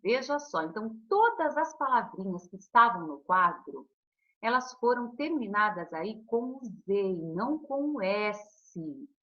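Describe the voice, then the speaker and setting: Brazilian woman, primary teacher, animated patient delivery, muffled lo-fi audio. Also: mid-range voice. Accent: Brazilian Portuguese. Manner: patient, affectionate, spells words slowly. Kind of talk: recorded online class.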